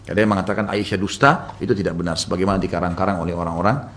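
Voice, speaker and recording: A middle-aged man preaching a sermon, telling a story with acted quotes and sudden loud, high rises. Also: steady tone, rapid-fire, slight background noise.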